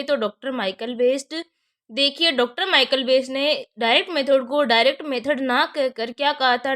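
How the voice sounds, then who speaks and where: A young woman with a high, slightly bright voice and a Hindi accent teaches an exam-prep lecture. She poses questions to her students, answers them herself, and keeps repeating key terms.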